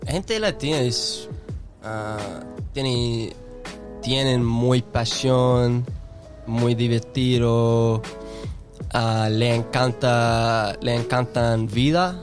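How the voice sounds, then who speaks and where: A young Australian man with an Australian accent, a comedian guest chatting casually in a loose, profane way and pausing often to hunt for words. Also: medium pitch, over music. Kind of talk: casual chat.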